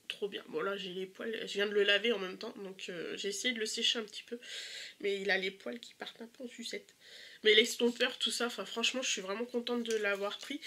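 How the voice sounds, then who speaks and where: A woman's voice: a little high, bright, forceful tone. A young woman with a stuffy nose, chatting casually and eagerly through a makeup haul with many hesitations. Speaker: beauty vlogger.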